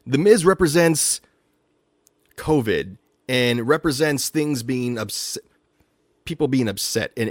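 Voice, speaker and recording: A man chats as a radio co-host with a medium-pitched voice. He is low-key and laid-back, recorded very dry and close. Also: no room sound. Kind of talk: casual chat.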